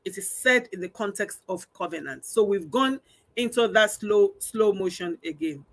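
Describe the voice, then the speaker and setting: A woman's voice: mid-range voice, lively intonation, moderate pace. A woman preaching a sermon, emphatic and repeating phrases for emphasis. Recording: online church stream.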